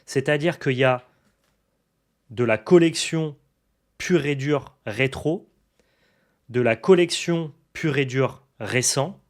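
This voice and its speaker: A man's voice: mid-range voice, slow, long pauses. Chatty, enthusiastic French-speaking man. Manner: enthusiastic, chatty, many fillers and restarts. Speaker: card collecting YouTuber. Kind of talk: casual unboxing chat to camera.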